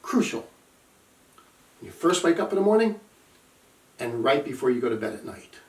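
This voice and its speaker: Speaking at a moderate pace, a middle-aged man's mid-range voice swings widely in pitch. He's a recovery coach telling personal stories to camera with earnest emphasis, recorded casually in an echoey room from a distant mic.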